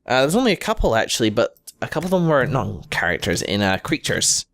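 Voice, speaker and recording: A man's voice: medium pitch, big pitch swings, fast, gravelly, fairly bright tone. A man hosting a let's play, chatting casually and reading game text aloud, a little congested from hay fever. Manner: chatty, rambling, laughs often. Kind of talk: casual gameplay commentary and reading codex entries aloud.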